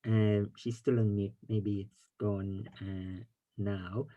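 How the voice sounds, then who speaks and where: A man's voice: lowish voice, flat delivery, slow pace, narrow, tinny audio. A middle-aged man chairing an online meeting informally over a video call.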